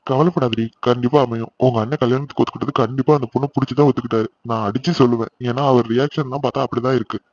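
A man's voice: medium pitch, steady tone, racing, few pauses, a little mellow, highs cut off, natural voice. A man voicing a teasing young married man who runs an office, bantering and scolding in jest. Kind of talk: cartoon voice acting.

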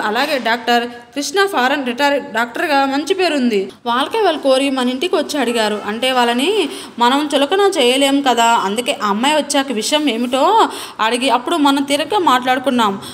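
A woman reading the lines of a calm middle-aged father who gently persuades his wife in a storybook reading. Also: sits high, normal speed, a little hiss or hum. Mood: persuading. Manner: soft, persuasive.

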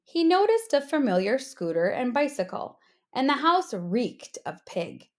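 A woman narrating a children's storybook aloud in an expressive read-aloud style. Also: high-pitched, unhurried. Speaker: storybook reader, teacher.

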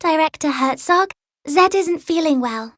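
A woman voicing a sweet young girl trainee in a game, gentle and reassuring. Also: high voice, animated, drawn-out words, no room sound, studio quality, heavily acted.

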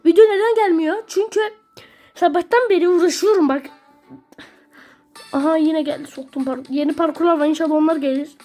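A woman's voice: very high-pitched, fairly quick, pauses often, warm tone, faint music behind. A woman ranting and swearing through gameplay commentary in a small bedroom at home. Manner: irritable, swears constantly, rants at the game. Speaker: gaming video creator.

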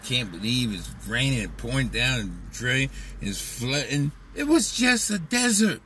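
A man's voice: mid-range voice, expressive, unhurried, fairly bright tone, recorded from a distance, a little hiss or hum. A man talking through a casual, profane, rambling comedic monologue as a vlog host, slipping into mocking voices. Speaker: vlogger host.

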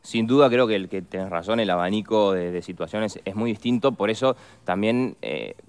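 Deep-voiced lawyer, smooth and resonant. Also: male voice, lively intonation. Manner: deliberate, repeats words while searching for precise phrasing. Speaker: defense lawyer, guest. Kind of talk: measured legal explanation in a studio interview.

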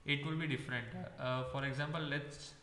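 A man walking through a coding tutorial, explaining in a halting way with many fillers. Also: fairly high pitch, steady tone, sharp tone, a little hiss or hum. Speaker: coding instructor. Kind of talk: screen-recorded coding tutorial. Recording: echoey room with long reverb.

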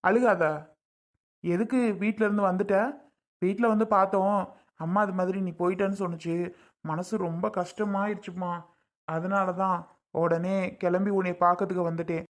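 Brief: a woman doing a kind older brother, slow, gentle and probing. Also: on the low side, fairly even intonation, natural voice.

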